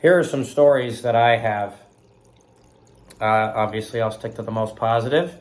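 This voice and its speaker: Speaking in a mid-range voice, this man in his thirties from Southern California pays a casual tribute on the faith broadcast he hosts while recovering from illness. His speech is slow and hesitant, full of fillers and throat clearing, with a slight cough.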